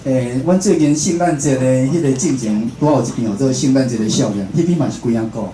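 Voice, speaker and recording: This man, a fast talker at a medium pitch, speaks with a Taiwanese accent in a casual public talk, tacking little confirming tags onto his phrases. He works as a radio host and programme producer and is addressing a seated crowd at an indoor venue. There's a roomy echo with faint noise behind him.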